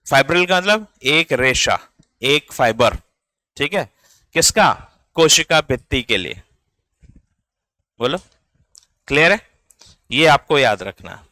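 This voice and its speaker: A man's voice: a little high, sharp tone, smooth, dry recording. A man, teaching biology in a classroom lecture, explaining step by step and checking in with his students. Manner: spells out words letter by letter.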